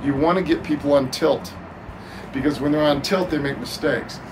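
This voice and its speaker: A middle-aged man hosting a storage-auction video, explaining tips in an animated, gesturing way outdoors at a metal storage unit. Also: a little high, normal speed. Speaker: storage unit reseller and host. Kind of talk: casual on-camera explaining. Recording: noticeable outdoor background noise.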